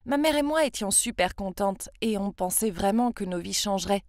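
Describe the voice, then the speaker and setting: A woman's voice: medium pitch, expressive, moderate pace, a little mellow, no echo, studio quality. A woman in her twenties from France telling her own story in a confiding, chatty first-person narration. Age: 20s.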